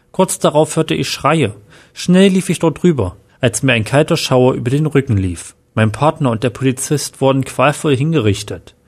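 A man voicing a shaken male police inspector recounting events earnestly. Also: on the high side.

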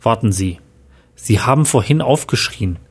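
A man's voice: mid-range voice, animated, normal speed, breathy edge. A man voicing a stern male paranormal investigator who asks curt questions.

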